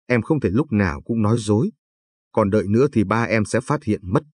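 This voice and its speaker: A man's voice: fairly low pitch, lively intonation, brisk, a little mellow, slightly rough, no echo. A man reading the lines of a frightened, tearful young pregnant woman in a spoken story. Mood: pleading. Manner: pleading.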